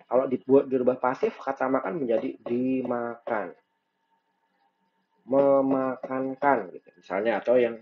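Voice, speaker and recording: A man's voice: mid-range voice, husky. A man giving a recorded lecture, thinking aloud with frequent fillers and restarts. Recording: dull lo-fi recording.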